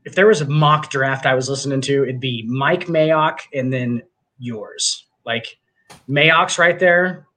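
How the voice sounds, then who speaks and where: A man's voice: medium pitch, slow pace, bright, forceful tone. A man co-hosting a sports podcast in a rambling, profane, casual chat full of fillers. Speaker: podcast co-host.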